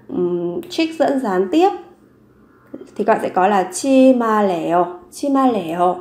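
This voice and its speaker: A woman's voice: medium pitch, a little mellow, roomy sound. A woman teaching a grammar lesson, explaining step by step and repeating each example sentence. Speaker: Korean language teacher.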